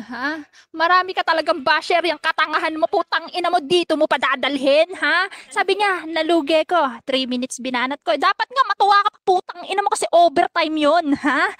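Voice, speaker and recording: A woman's voice: high-pitched, fairly bright tone, no room sound, clean studio sound. A woman in a live freestyle insult battle, taunting her opponent aggressively and cursing often. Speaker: battle rapper.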